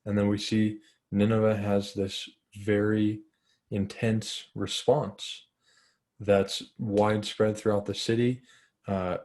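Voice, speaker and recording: A man's voice: fairly low pitch, darkish tone. A man teaching a Bible study in an earnest, conversational way, with fillers and restarts.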